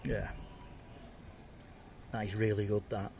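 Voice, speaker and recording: A man's voice: lowish voice, level tone, takes it slowly, vocal fry, a little mellow, slight background noise. A man reviews fish and chips to camera in a chatty, jokey way, chewing and talking between bites. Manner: chatty, jokey, talks while eating. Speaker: food vlogger. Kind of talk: casual food review to camera.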